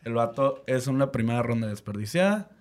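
A man's voice: medium pitch, lively intonation, a little fast. A man with a Mexican accent, bantering casually about sports as a panelist, with slang and swearing.

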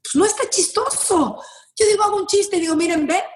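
Mexican woman guest, high voice, blunt and swears freely, echoey room. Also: a little fast, a little hiss or hum. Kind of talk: candid interview talk.

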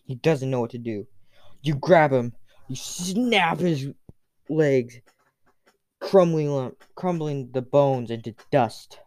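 A man tells an adventure in the second person, slowly and casually, with fillers and restarts. His voice sits in the middle register. The recording is dry and close, with no room sound. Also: mid-range voice, mellow, clean tone, dry recording.

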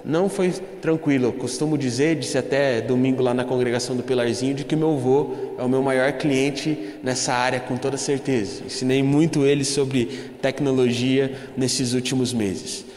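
A man's voice: mid-range voice, fairly even intonation, moderate pace, hardly any pauses, a little mellow, echoey room, long reverb tail. A young Brazilian man giving a humorous church testimony, telling a story and addressing the congregation as brothers. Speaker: church speaker.

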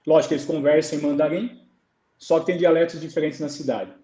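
Man, Brazilian goalkeeper coach, storytelling, mellow tone, roomy video call. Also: a little high, steady tone, a little fast, highs cut off. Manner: storytelling, acts out dialogue. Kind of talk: conversational interview on a live stream.

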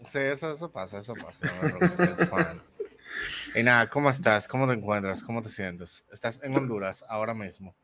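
A man's voice: medium pitch, brisk, crowd noise. A man hosting a casual online interview, chatty, with many fillers and English words mixed in. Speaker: podcast host.

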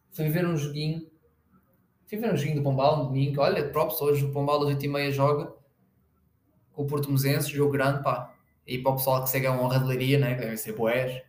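Young male podcaster, European Portuguese accent, slangy filler-heavy chat, mid pitch, echoey room. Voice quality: slangy, rambling, lots of fillers. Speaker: podcast host. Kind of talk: casual solo podcast chat.

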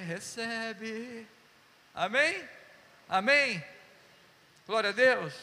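A pastor preaching a sermon, telling stories and acting out voices while calling "Amém?" to the congregation. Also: male voice, extremely high pitch. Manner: animated, acts out dialogue, calls "Amém?" to the congregation. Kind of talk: sermon with storytelling. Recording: long church hall reverb.

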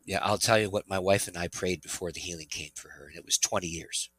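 A middle-aged man, a pastor and interview guest, telling an earnest, animated testimony. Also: sits low, quick pace, slightly rough, rough recording. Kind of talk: interview storytelling.

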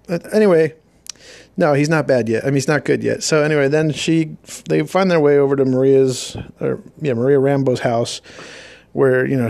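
A man's voice: medium pitch, a little mellow, dry recording. A man giving a sarcastic, rambling recap of a movie's plot in a casual, mocking tone. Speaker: movie reviewer.

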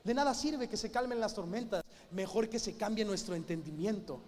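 A man's voice: sits high, fairly quick, darkish tone. A man preaching a sermon in a church, emphatic and full of rhetorical questions. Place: church hall with a live band. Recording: long hall reverb.

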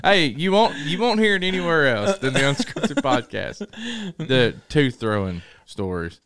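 A man's voice: mid-range voice, animated, a little slow, a bit bright. A man co-hosting a podcast, chatting easily and chuckling as he talks. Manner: easygoing, chuckling. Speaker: podcast co-host and evangelist. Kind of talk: casual podcast chat.

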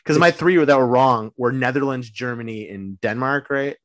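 American guy cohosting a podcast, easygoing, quick little quips, dry close sound. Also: mid-range voice, no room sound. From United States. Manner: easygoing, reacts with short quips. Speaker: podcast co-host, quiz contestant. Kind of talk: casual chat.

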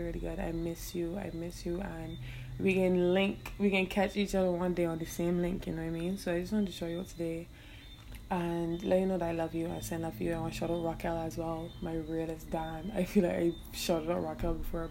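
Gravelly Bajan woman, casual podcast chat. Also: lowish voice, warm tone, slight background noise. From Barbados. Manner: loose, profane, laughing. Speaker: podcast host.

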